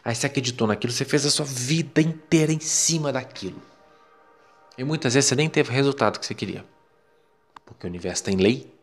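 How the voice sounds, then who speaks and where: Brief: Brazilian male course teacher, emphatic and lively, mid-pitched, faint music underneath. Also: fast talker. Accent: Brazilian Portuguese. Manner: lively, emphatic, mimics parents' voices. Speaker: self-help course teacher. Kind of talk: lecture on beliefs.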